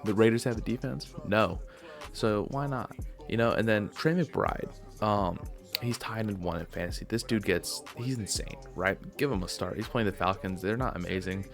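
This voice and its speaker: Man, lowish voice, tired, offhand and rambling, faint music underneath. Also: vocal fry. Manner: offhand, rambling, self-correcting, yawns while talking. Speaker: sports video host. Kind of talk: casual solo sports predictions.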